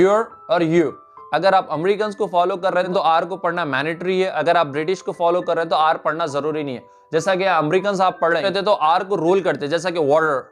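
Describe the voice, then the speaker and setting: A man teaching a spoken English lesson, explaining step by step and slowly repeating example phrases. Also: fairly high pitch.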